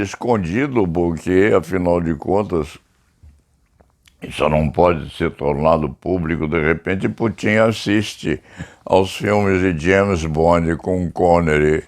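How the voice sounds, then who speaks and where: An older Brazilian man with a São Paulo accent tells an unhurried story that wanders from one point to the next. His voice is very low and full of gravel. He talks about himself in the third person, wry and amused. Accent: Brazilian Portuguese, São Paulo. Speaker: criminal lawyer commentator. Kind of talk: reflective storytelling monologue.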